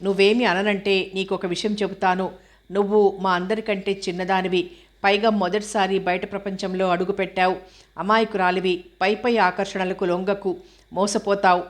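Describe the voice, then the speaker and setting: A knowing, teasing young woman, as a female narrator puts her on in a storybook reading. She speaks with a mocking, warning edge, her pitch held flat and even. Mid-height voice. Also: normal speed, close to an everyday voice.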